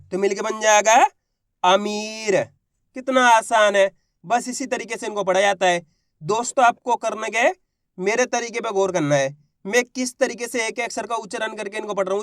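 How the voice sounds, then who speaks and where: A man teaching a beginners' reading lesson. He poses questions and answers them himself, sounding out syllables slowly and stretching the long vowels. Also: high voice, no room sound, clean studio sound. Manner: draws out long vowels when sounding out words. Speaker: Hindi teacher.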